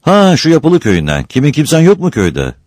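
A man's voice: on the high side, huge pitch swings, brisk, a little mellow, no room sound, studio quality, pitched above the performer's own voice. A man voicing an idle, prying railway switchman who keeps asking questions. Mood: questioning. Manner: questioning, nosy.

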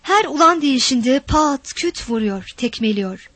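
A woman reading a story aloud with expressive, dramatic narration. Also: sits high, unhurried, no echo.

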